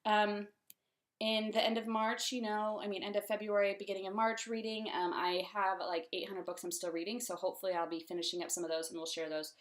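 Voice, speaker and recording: A woman's voice: mid-range voice, little pitch movement, a little fast. Chatty young woman hosting a casual book vlog, lots of ums and likes. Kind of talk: casual book-review chat.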